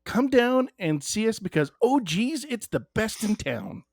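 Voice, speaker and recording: A man's voice: sits high, very animated, measured pace, vocal fry, dry recording, pitched above the performer's own voice, full character voice. A man putting on a put-on Upper Midwest accent to play a flustered, folksy middle-aged car salesman who stammers over his lines. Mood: folksy salesy.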